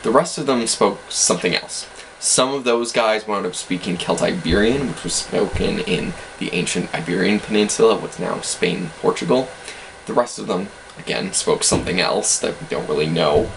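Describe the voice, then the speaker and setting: A man's voice: fairly low pitch, normal speed, gravelly, a little hiss or hum, low-quality recording. A man casually explaining language facts in an educational video, hedging with self-deprecating asides.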